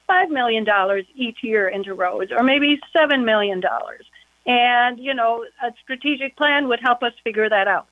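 A woman on a county board chats casually after calling in to an interview, her talk peppered with "you know." Her pitch is fairly high and there's no room sound, but the phone line is muffled, as if she were heard through a wall.

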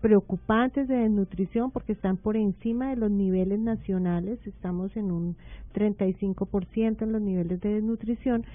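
A woman's voice: medium pitch, steady tone, normal speed, no room sound, phone-quality sound. Formal woman official, dry phone sound. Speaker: government nutrition director, radio guest. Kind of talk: radio interview.

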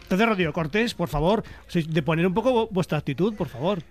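A man's voice: high-pitched, animated, fast. A man, co-hosting a comedic radio show and telling an indignant story, acting out both sides of the quarrel. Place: radio studio.

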